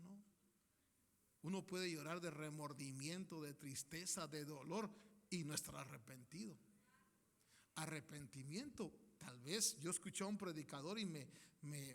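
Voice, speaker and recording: A man preaches a sermon in a church hall with a long, ringing reverb. His voice sits high and swings widely in pitch, with a bright, forceful edge. He talks emphatically, leading the congregation in declarations. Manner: emphatic, leads congregation in declarations, acts out quoted people.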